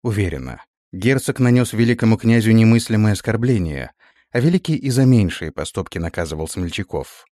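An earnest young elf woman, voiced by a male reader, laying out a warning in a firm, explanatory tone. Her lines come in a storybook reading, lively in pitch and dry. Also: a little fast, no room sound, close to an everyday voice.

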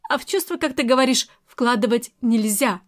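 A woman's voice: a little high, normal speed, close to an everyday voice. A woman reading the part of a young provincial woman who answers earnestly and defensively.

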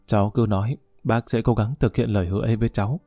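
A grave, principled older police colonel, read by a man, firm and measured. The voice is dark and mellow and recorded dry with faint music behind. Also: lowish voice, steady tone, no room sound.

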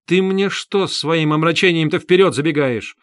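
A man reading the part of a sharp, agitated middle-aged investigator. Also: a little high, expressive, measured pace, no room sound, clean studio sound, pitched above the performer's own voice. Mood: irritated interrogation. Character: Porfiry, irritable middle-aged male investigator.

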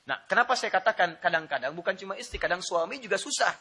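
Bright-voiced animated male preacher. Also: high voice, quick pace, slightly rough. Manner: animated, joking with the audience, rising to loud laughing emphasis; addresses listeners directly. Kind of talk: Islamic sermon.

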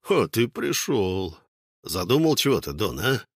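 A man voicing a sly gang boss who speaks in an unhurried, mocking way. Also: on the low side, very animated, husky, no room sound, studio quality, exaggerated voice.

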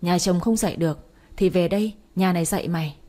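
A woman voices a stern elderly father who barks harsh orders at his family. The tone is dark and husky. The delivery is an audio-story reading. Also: fairly low pitch, quick pace, close to an everyday voice. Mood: furious. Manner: harsh scolding commands.

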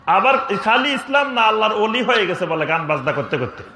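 Male preacher, high and forceful delivery, fiery sermon with chanted quotations, roomy echo. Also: lively intonation, brisk. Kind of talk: Bengali waz sermon.

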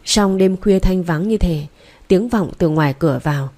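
A woman narrating a story in a steady, measured way. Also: on the low side. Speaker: audiobook narrator.

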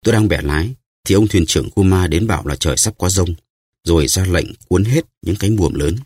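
A man's voice: low voice, fairly quick, darkish tone, breathy edge, no echo. A man voicing an old sunburnt sailor who reports in a plain, earnest way in an audiobook.

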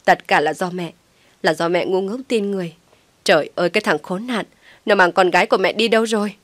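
A woman voicing a desperate, tearful elderly mother who wails and pleads loudly. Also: mid-range voice, steady tone, brisk, no room sound, lightly acted. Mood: distraught pleading. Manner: wailing, pleading, loud.

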